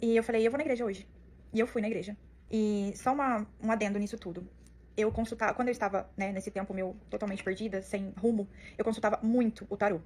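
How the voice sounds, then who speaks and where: A woman's voice: mid-range voice, fairly even intonation, darkish tone. A young woman telling her personal faith testimony in an earnest, emotional way. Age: young adult. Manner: emotional, earnest, fast-flowing storytelling. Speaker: testimony speaker.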